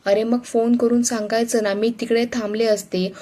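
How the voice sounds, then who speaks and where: A woman's voice: a little high, level tone, moderate pace, dark tone, close to an everyday voice. A woman reading a fussing, worried mother.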